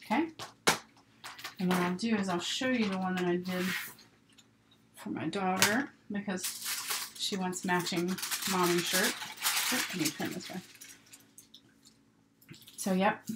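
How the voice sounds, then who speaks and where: A middle-aged sewing instructor hosts a live stream from an indoor work table, talking herself through each step in a casual, chatty tutorial. Her voice sits on the low side, slightly slow, with long pauses. The noisy home recording picks up rustling paper, clicks, and a steady background noise.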